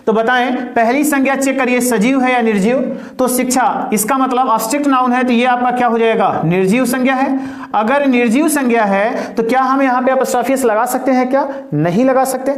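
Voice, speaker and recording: A male English teacher giving an online grammar lesson. He poses questions to his students and answers them himself, slows down to dictate example sentences, and calls his listeners dear and brother. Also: very high voice. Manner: slow and deliberate when dictating example sentences. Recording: echoey room.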